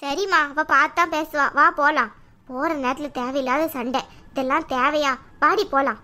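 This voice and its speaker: A woman's voice: high voice, fairly even intonation, normal speed, pushed and bright. A woman voicing a fretful middle-aged cartoon mother-in-law who scolds and hurries her family. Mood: placating. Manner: scolding, exasperated. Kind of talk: cartoon voice acting.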